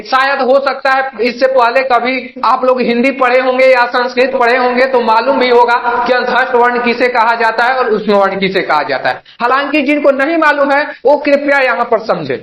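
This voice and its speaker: A young male teacher from Bihar, India, speaks at normal speed in an extremely high, fairly bright voice during an online grammar lesson, repeatedly posing and answering his own questions and calling his students "babu." The audio is poor and sounds roomy.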